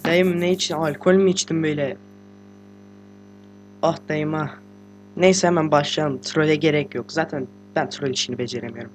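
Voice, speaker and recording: A teenage boy, a gaming host, giving casual let's-play commentary while sick and talking quietly, chatty, slangy and joking with swearing. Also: fairly high pitch, steady tone, moderate pace, long pauses, slight background noise. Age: teens. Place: room at home with a computer.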